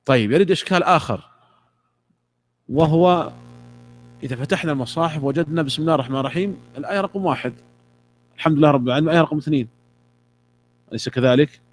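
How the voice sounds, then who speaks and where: A middle-aged man, teaching a classroom lesson on a religious text. He repeats key words and pauses for replies from students. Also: fairly high pitch.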